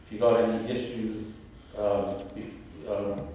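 A man answering questions as a school board candidate at a podium, halting with fillers and restarts. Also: on the low side, level tone, mellow, a little hiss or hum. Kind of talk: candidate forum answers, unscripted. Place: large auditorium stage at a podium. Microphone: podium mic from a far camera. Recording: echoey hall heard from far off.

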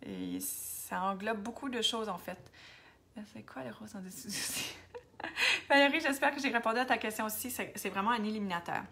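Hosting a Facebook live to sell makeup, a New Brunswick woman with an Acadian French accent responds to viewers' comments in a chatty way, now and then shifting into English or dropping to near-whispers. Her mid-range voice swings widely in pitch, bright and pushed, at a normal pace.

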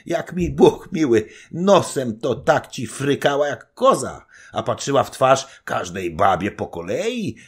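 Blustering old nobleman, loud, high and teasing, read by a man. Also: slightly rough, heavily acted.

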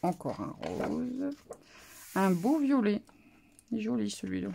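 A woman's voice: mid-range voice, wildly swooping pitch, measured pace, vocal fry, dark tone, a little hiss or hum. A woman vlogger casually showing off a craft haul, talking in a hesitant, musing way with many fillers. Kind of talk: casual show-and-tell haul.

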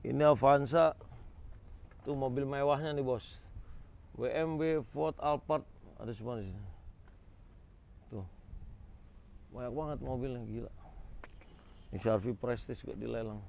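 A man's voice: mid-range voice, steady tone, a little slow, creaky, long pauses, a little mellow. A man gives informal, exclamatory walk-around commentary as a vlog host, addressing viewers directly. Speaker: host of a used car auction vlog. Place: outdoors in a car lot.

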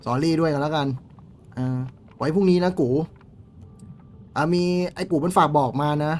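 Crude, excitable male game streamer. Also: a little high, moderate pace, slight background noise. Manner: crude, swearing, excitable outbursts. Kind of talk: live game stream chat.

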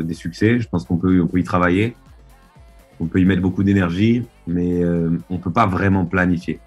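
A man tells his story over a video call, his voice low and husky. He rambles, filling gaps with hesitations and restarting his sentences. Faint music plays quietly behind him. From Marseille, France. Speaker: DJ and producer guest. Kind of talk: casual interview storytelling. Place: dim room at home. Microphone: video call webcam.

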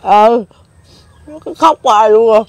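A woman's voice: on the high side, takes it slowly, no room sound. A woman in her seventies with a Mekong Delta accent, telling her story in a plain-spoken, repetitive, emotional way. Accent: Southern Vietnamese, Mekong Delta. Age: 70s. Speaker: interviewee. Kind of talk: casual rambling recollection.

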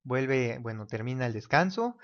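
Man, casual whiteboard lesson, mid pitch, dull recording. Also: expressive, normal speed, a bit bright. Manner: casual, talks while drawing, mimics ticking clock. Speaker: teacher.

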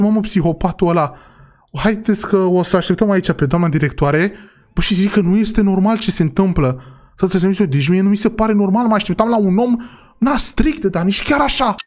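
A man playing a father in a role-play game, talking excitably and often saying "God forgive me". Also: high voice.

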